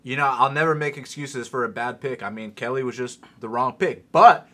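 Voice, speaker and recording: Man, podcast host, bright voice, animated, casual. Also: mid-range voice. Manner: animated, fast-talking, swears casually. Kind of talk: casual sports betting talk.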